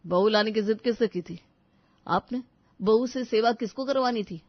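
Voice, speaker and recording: A woman voicing an indifferent young adult son who speaks in a flat, weary, curt way, on a dull, dry recording. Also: a little high, moderate pace, dry recording, close to an everyday voice.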